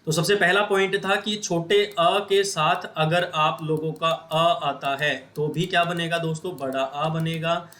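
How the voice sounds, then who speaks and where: A man with a Hindi accent teaches grammar in a slightly high, bright, forceful voice, steady in tone, a little slow, with hardly any pauses. He repeatedly poses questions to viewers, answers them himself, and calls his audience friends.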